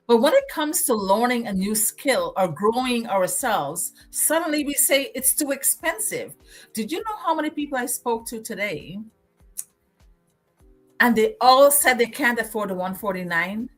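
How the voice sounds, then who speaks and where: A woman's voice: medium pitch, fairly bright tone. Guyanese lady doing a motivational livestream, preachy, says stuff twice, faint music behind. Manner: preachy, repeats phrases for emphasis. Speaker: livestream host.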